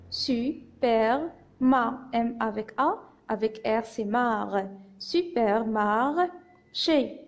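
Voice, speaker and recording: A woman teacher with a Moroccan accent, giving a slow phonics reading lesson to young children and patiently sounding out letters and syllables. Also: on the high side, a little mellow. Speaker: primary school teacher.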